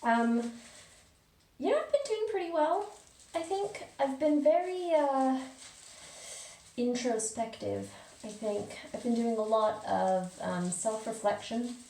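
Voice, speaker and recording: Woman, casual vlog chat, slow unhurried talk, rambling with fillers, strong bathroom echo, a bit off-mic. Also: fairly high pitch, mellow, far from the mic. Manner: chatty, rambling, with many fillers. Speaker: vlogger. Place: small home bathroom with echo.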